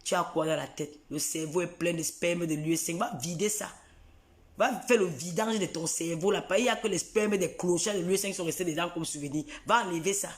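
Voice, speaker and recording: A taunting man, ranting straight into a live video. His voice sits fairly high for a man. He repeats his jabs over and over in an echoey room. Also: fairly even intonation, a little fast. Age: 40s. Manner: taunting, repetitive, mocking.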